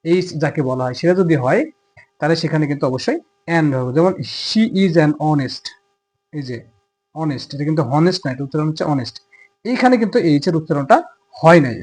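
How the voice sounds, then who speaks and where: A man's voice: a little high, darkish tone. A man with a Bangladeshi accent teaching a grammar lesson. He explains step by step and asks questions he answers himself.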